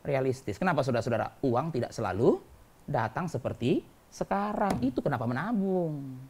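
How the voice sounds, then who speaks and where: A male pastor preaching a sermon in church, animated, mimicking quoted voices and swinging between loud and soft. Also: medium pitch, a little fast, a little hiss or hum.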